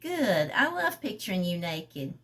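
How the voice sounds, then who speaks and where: A woman's voice: lowish voice, big pitch swings, unhurried, a bit bright. A woman reading a buoyant, teasing young woman. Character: playful, tipsy young woman on the phone. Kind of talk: reading a novel aloud.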